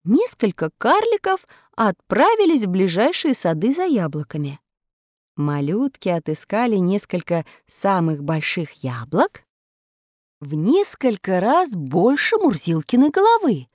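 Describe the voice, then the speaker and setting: A woman narrating a storybook in an expressive storytelling way. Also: mid-range voice, a little slow, dry recording, studio quality. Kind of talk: storybook reading.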